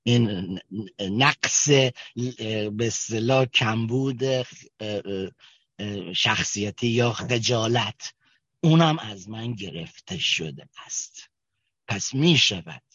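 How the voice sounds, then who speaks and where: A man from Kerman with a Kermani accent tells his recovery story at a group meeting, halting often with fillers and restarts. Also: lowish voice, a bit bright, breathy edge, no room sound. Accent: Kermani Persian. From Kerman, Iran. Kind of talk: personal testimony at a recovery meeting. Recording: dull, dry recording.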